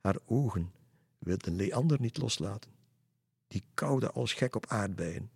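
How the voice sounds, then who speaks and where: Man reading a kids story aloud, deep and a bit husky, calm and steady. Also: measured pace, no room sound, studio quality. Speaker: narrator.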